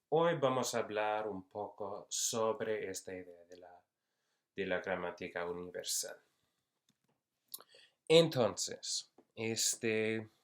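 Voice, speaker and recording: A man giving an unscripted university lecture, slow and hesitant with many fillers. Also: on the low side. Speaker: university Spanish instructor.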